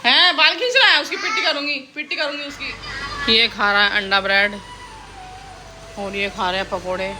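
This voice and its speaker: A young mother films a casual home vlog in her kitchen and other rooms, occasionally scolding her kids. Her voice sits on the high side at a normal speed, with a noisy background.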